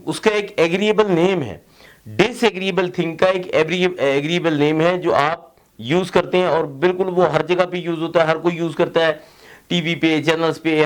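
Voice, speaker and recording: A man gives a relaxed grammar lesson, his voice sitting a bit higher than most men's. He talks loosely and conversationally, sliding English phrases into his explanations and stopping often to check that his students follow. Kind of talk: casual classroom lecture.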